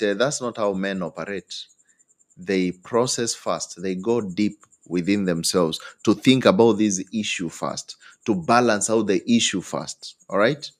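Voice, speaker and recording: A man giving relationship advice to an audience. He talks in an animated way, jumps his pitch up when acting out what partners say, and keeps checking in with "hmm?" and "eh?". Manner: animated, acts out quoted partners with leaps in pitch; tag questions like "hmm?" and "eh?". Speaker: relationship speaker.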